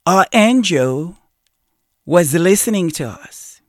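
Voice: medium pitch, expressive, takes it slowly, dry recording, studio quality. A show host giving an emotional, heartfelt monologue with a preacher-like cadence.

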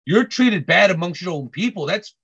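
A man chatting casually on a podcast, halting with many restarts and repeated words. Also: sits high, expressive, fairly bright tone, slightly rough. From Korean heritage. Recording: dull lo-fi audio.

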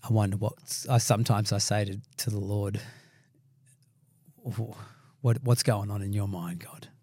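A man with a croaky, froggy voice talks casually as a podcast co-host. He feels his way through his thoughts, hesitant and self-questioning. The sound is dry and close, with no room around it. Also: fairly low pitch, steady tone, normal speed, a little mellow, dry recording. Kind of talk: casual conversational podcast chat.

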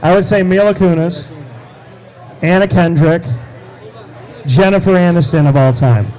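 A man's voice: high-pitched, unhurried, a little mellow, a faint crowd, rough recording. An American man hosting a live sports show, bantering and announcing emphatically in casual talk.

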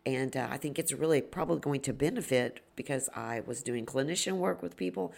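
A woman with a gravelly, slightly sniffly, hoarse voice, hosting a solo podcast and explaining things reflectively as an educator. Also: a bass voice, brisk, darkish tone. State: hoarse and slightly sniffly after a long day of judging. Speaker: podcast host and dance educator. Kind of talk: solo podcast talk, informal teaching.

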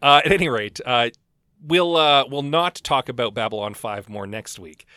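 Bright-voiced, wry man podcaster. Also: medium pitch, moderate pace, clean tone, no echo, studio quality. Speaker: podcast co-host. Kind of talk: casual book discussion.

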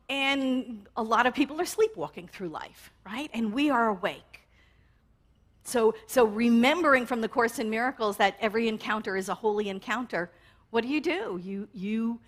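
A woman minister delivering a sermon in a conversational way, laughing often and checking in with "right?" as she goes. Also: fairly high pitch. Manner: warm, conversational, with frequent laughs and "right?" asides.

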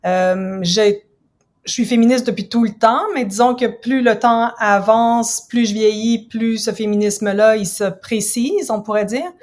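A university professor and writer from Ottawa, Canada, a woman in her fifties, appears as a guest in a casual interview. Her voice is a little high and a little mellow, and she speaks in a reflective, measured, explanatory way.

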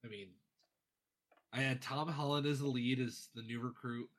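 A man's voice: medium pitch, steady tone, normal speed. A man chatting casually with friends, wry and grumbling, often trailing off. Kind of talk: casual chat.

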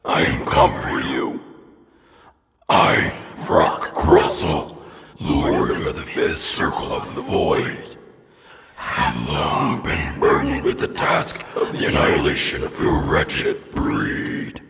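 A man voicing a cruel male demon lord with a deep, gravelly growl, slow and booming. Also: sing-song, in a large hall, noisy background, exaggerated voice. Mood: threatening.

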